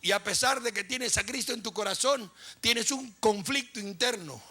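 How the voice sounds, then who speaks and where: A man's voice: high-pitched, normal speed, sharp tone. A man preaching a sermon as pastor, impassioned and repetitive, telling stories vividly.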